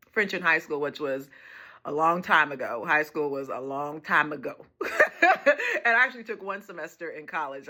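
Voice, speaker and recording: A woman's voice: low voice, bright, forceful tone. A woman telling a casual vlog story about a shopping trip, chatty, laughing often and acting out the dialogue. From United States. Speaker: vlogger.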